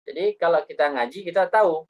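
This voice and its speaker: A woman teaching a Quran recitation lesson, explaining patiently and reciting example words slowly and repeating them. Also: on the low side, low-quality recording.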